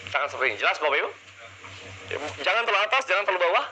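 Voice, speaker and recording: A man's voice: high-pitched, big pitch swings, racing, bright, forceful tone, a little hiss or hum, poor audio. A man leading a live public speaking seminar, energetically drilling the audience with call-and-response questions into a handheld mic. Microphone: handheld microphone.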